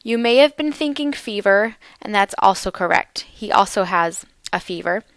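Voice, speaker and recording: A woman teaching English vocabulary, speaking slowly and carefully and repeating words for learners. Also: medium pitch, animated, fairly bright tone, smooth, dry recording. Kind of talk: slow, clear vocabulary lesson.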